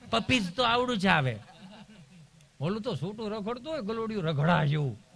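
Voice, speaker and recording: A high-pitched man, spinning a comic village tale on stage. He is middle-aged and animated, slipping into other voices as he goes. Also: moderate pace, vocal fry. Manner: rustic, animated storyteller who acts out voices. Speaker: stand-up comedian. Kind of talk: folk storytelling comedy.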